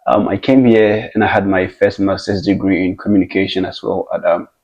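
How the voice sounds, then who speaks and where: A young man from Ghana, a guest in a casual interview, speaking in a measured, reflective way with many hesitations. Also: low voice, steady tone, a little mellow, muffled recording. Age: young adult.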